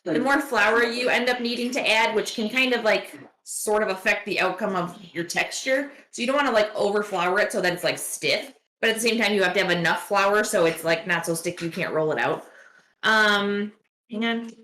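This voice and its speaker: A woman's voice: medium pitch, normal speed, a bit bright, a little hiss or hum. Chatty woman in an echoey kitchen. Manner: chatty, rambling, many "like" fillers. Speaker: host of a baking livestream. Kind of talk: casual chat while baking. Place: home kitchen.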